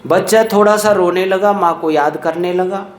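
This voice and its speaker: Man, swami, Vedic sermon, slow chanted verses, storytelling, slightly high voice, roomy echo. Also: steady tone. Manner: slow chanted Sanskrit verses then Hindi explanation; storytelling with acted quotes of a mother. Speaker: swami preacher. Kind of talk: Vedic sermon with Sanskrit recitation. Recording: echoey room.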